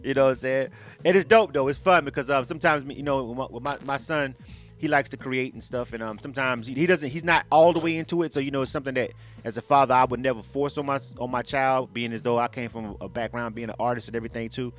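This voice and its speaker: A man hosting a radio interview in a relaxed, slangy, laughing way. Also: medium pitch, quick pace, soft background music. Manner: laid-back, slangy, laughs a lot. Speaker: radio show host.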